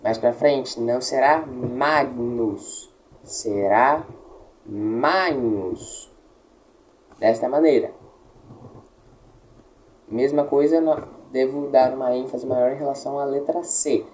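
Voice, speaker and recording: Slow, dark-voiced teacher. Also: male voice, medium pitch, slight background noise, low-quality recording. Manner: patient, explains slowly, checks with "tá?" and models words. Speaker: Latin teacher. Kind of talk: pronunciation lesson.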